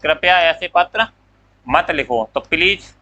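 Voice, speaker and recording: A man's voice: a little high, a little slow, bright, forceful tone, highs cut off. A man teaching English grammar in a classroom lecture. He asks questions, answers them himself, and draws out the English words as he dictates them.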